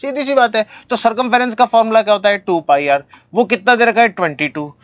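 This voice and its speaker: A man teaching maths, solving textbook problems step by step, asking his own questions and answering them in a relaxed, encouraging way. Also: high-pitched, no room sound, muffled recording. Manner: relaxed, encouraging, talks straight to students, asks and answers himself; reads formulas and English sums slowly, word by word.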